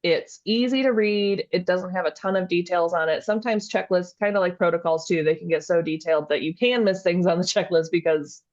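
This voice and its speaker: A woman in a casual chat who asks about Spanish words, sounds them out slowly and laughs easily. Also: fairly low pitch, a little mellow, dull audio. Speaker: co-host learning Spanish.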